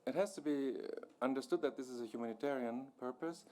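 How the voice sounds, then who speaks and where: A man's voice: mid-range voice, fast, mellow. A man answering questions on a panel, explaining at length with many restarts and fillers.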